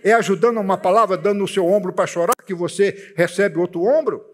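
A man's voice: sits high, a little fast. A man preaching a sermon as a pastor, telling stories and putting questions to the congregation. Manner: animated storytelling preacher, asks the congregation questions.

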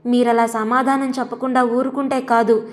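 A woman's voice: a little high, little pitch movement, normal speed, natural voice. A woman voicing a young wife, poor and wronged, who speaks in a tearful, accusing way. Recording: long reverb.

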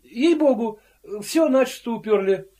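A man doing a shrill, indignant invisible clerk. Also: expressive, unhurried, dark tone. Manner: shrill, insistent, pleading.

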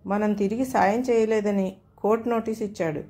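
A woman's voice: medium pitch, steady tone, moderate pace, warm tone, lightly acted. A woman reading a storybook tale, voicing a harried middle-aged husband who is fed up and exasperated.

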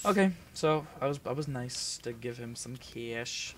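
A young man commentates a shooter game from a small room at home, rambling, swearing, and chatting with viewers over a desk mic. His medium-pitched voice is expressive and unhurried in this casual let's-play.

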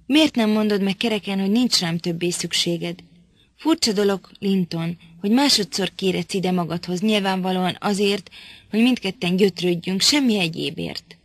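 A woman's voice: mid-range voice, no echo, lightly acted. A woman reading an audiobook, voicing a proud, impatient young woman who talks sharply and scolds. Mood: indignant.

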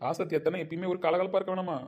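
A woman's voice: on the low side, steady tone, racing, a little mellow, lightly acted. A woman voicing an earnest, curious young village man in a cartoon, eager and questioning. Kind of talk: cartoon voice acting.

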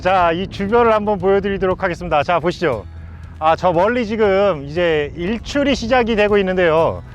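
Standing on a windy mountain top, a man with a fairly high voice hosts a travel vlog at normal speed with lively intonation. He uses formal, polite presenter lines interrupted by exclamations of wonder, and soft music plays behind him.

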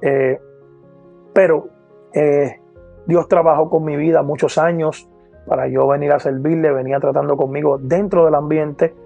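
A man in his forties with a Puerto Rican accent, an evangelist giving his personal testimony to camera, earnest, often pausing on "eh" and repeating praise phrases. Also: a little high, steady tone, vocal fry, warm tone, dull audio, soft background music. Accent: Puerto Rican Spanish. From Puerto Rico. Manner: earnest, repeats "poderoso el nombre de Jesús", many "eh" and "¿verdad?". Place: indoor room with lamp, seated. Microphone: lapel mic.

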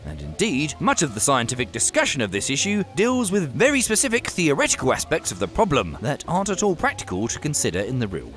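Lively man narrating science. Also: medium pitch. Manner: lively, wry and conversational. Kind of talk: scripted narration.

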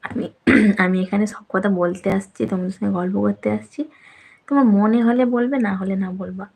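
Live-stream host, female, affectionate teasing chat with viewers, mid-pitched, slight fry. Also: brisk, darkish tone, poor audio. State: slightly out of breath. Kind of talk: casual live chat reading viewer comments.

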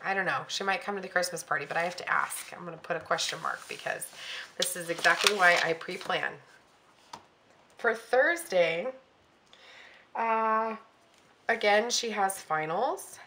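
A middle-aged woman with a bright, crisp edge to a lowish voice, chatting through her week's schedule. She thinks aloud as she goes, filling pauses with ums and correcting herself mid-sentence. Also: slight background noise. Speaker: planner vlogger. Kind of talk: casual planning walkthrough.

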